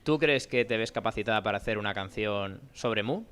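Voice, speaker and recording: A man's voice: fairly low pitch, fairly quick, a bit bright, clear, resonant tone. A man hosting a casual podcast, asking playful, teasing questions of his student guests. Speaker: podcast host.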